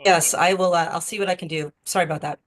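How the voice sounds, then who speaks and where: A woman introducing herself as a scientist over a video call, her audio cutting out as she talks in a halting, apologetic way. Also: fairly low pitch, fairly even intonation. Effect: choppy video-call audio cutting out. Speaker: exposure and risk assessment scientist on a panel.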